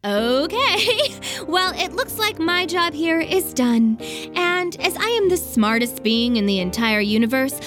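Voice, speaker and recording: A very high, animated cartoonish dog for a children's audio play. It is boastful and giddy, convinced of its genius yet easily distracted. Music plays clearly behind it. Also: female voice, measured pace. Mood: gleeful, excitable. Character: excitable, scatterbrained, boastful genius talking dog. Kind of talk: children's comedy audio drama.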